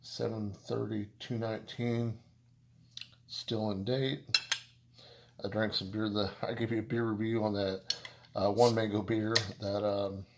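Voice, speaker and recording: Guy doing a laid-back beer review, kinda low voice, lots of um and uh and starting over, jokes at his own expense. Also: level tone, gravelly, background noise. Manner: rambling, halting, with many restarts and fillers; jokey and self-deprecating. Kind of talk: casual beer review vlog.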